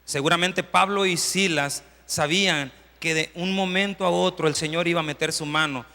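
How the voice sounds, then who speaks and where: A man preaching a sermon, acting out quoted prayers and building to impassioned shouting. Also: a little high, fairly even intonation, normal speed. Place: church hall. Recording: long hall reverb.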